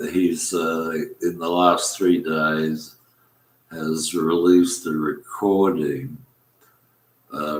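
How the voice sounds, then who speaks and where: Man, deep bass, slow halting monologue, roomy echo. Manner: halting, many fillers and restarts. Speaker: commentator. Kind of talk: rambling spoken monologue. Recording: echoey room.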